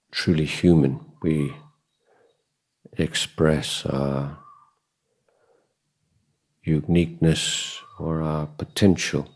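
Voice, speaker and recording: A man's bass voice, darkish and slightly rough, carries a guided meditation talk delivered in the role of a Buddhist teacher. He is contemplative and measured, pausing often between short phrases.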